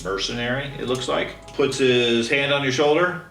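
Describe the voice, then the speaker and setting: A man's voice: mid-range voice, moderate pace, vocal fry, sharp tone. A middle-aged man narrating a tabletop role-playing game as the game master. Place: indoor room. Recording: echoey room, distant mic, faint music.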